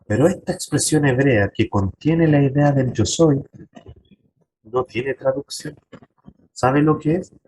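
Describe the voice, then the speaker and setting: A man's voice: mid-range voice, unhurried, pauses often, darkish tone, a little hiss or hum, poor audio. A man pastor teaching a Bible class to his congregation, emphatic, turning to them with direct questions. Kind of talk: church Bible lesson.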